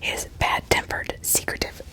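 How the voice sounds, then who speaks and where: As an ASMR host, a woman narrates true crime in a breathy whisper with a bright, forceful tone, pausing often mid-sentence and slipping in small asides to the listener.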